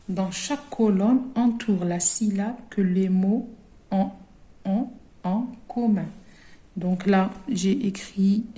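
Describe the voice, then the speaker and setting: Slow, patient woman teaching young children. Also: medium pitch. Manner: patient, repeats each word and often trails off to a hush. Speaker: primary school teacher. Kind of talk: recorded classroom lesson for children.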